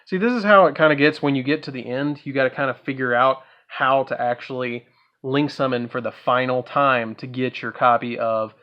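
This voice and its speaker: A man's voice: medium pitch, steady tone, normal speed, lo-fi sound. Man casually thinking aloud over a card game. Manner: thinks aloud, talks to viewers, trails off with ums. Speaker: card game content creator. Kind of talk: casual gameplay walkthrough.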